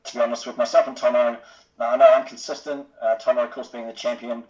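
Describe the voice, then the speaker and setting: A man's voice: mid-range voice, level tone, fast talker, a little mellow. A man chatting casually and matily as a driver being interviewed over a remote call. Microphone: remote call mic. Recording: dull lo-fi voice chat.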